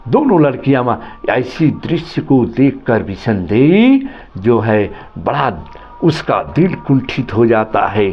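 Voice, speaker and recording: A man's voice: medium pitch, very animated, takes it slowly, breathy edge, highs cut off. A man who, as a teacher, retells a story for a lesson in a dramatic, repetitive way.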